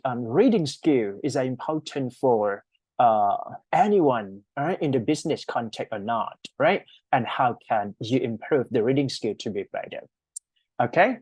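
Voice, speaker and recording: A native Thai-speaking man from Thailand, with a Thai accent, teaches an English class online, explaining an exam task and often checking understanding with "right?" tags. His voice is mid-range and a little mellow, with no room sound.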